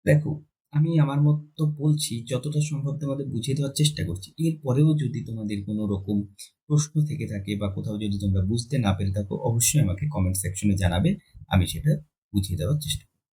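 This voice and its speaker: A man's voice: medium pitch, dark tone, slightly rough, low-quality recording. A man teaching an exam-prep grammar lesson, explaining step by step, asking and answering his own questions. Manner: switches between Bengali and slowly dictated English. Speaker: English teacher.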